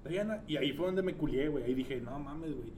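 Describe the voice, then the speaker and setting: A man's voice: on the high side, lively intonation, fast, a little mellow. A young man with a Mexican accent telling a story in casual chat, slangy and swearing a lot. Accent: Mexican Spanish.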